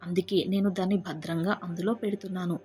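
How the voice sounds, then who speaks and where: A woman voicing a soft-spoken young husband, loving but secretive, with no change of voice from her own. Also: on the low side, steady tone, a little fast, faint music behind, lightly acted. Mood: evasive.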